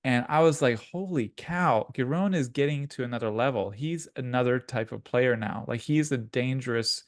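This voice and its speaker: A man's voice: medium pitch, normal speed, no echo, clean studio sound. A man co-hosting a podcast, chatting casually and rambling with many restarts and filler words. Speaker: podcast co-host. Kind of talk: casual chat.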